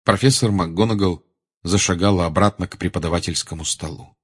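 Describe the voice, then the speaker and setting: A man narrating an audiobook with expressive storytelling. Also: deep voice, fairly quick, breathy edge. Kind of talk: scripted narration.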